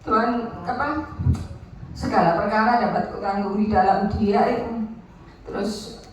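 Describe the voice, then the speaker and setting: A woman's voice: medium pitch, steady tone, unhurried. A woman giving a candid personal testimony at a fellowship meeting, dropping into asides. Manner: candid, mixing in Javanese asides. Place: hotel function room. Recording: echoey room, distant mic.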